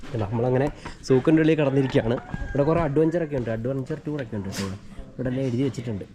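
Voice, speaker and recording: A man's voice: medium pitch, very fast. A man with a Malayali accent giving casual walking vlog commentary, mixing Malayalam with English words. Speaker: travel vlogger. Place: walking around an old village outdoors.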